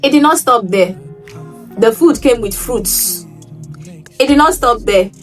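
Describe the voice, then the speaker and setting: A woman's voice: on the high side, expressive, unhurried. Nigerian woman vlogger, emphatic storytelling. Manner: emphatic, repeats phrases for effect. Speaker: travel vlogger. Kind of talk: casual storytelling to camera. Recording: voice a little distant from the mic, soft music behind.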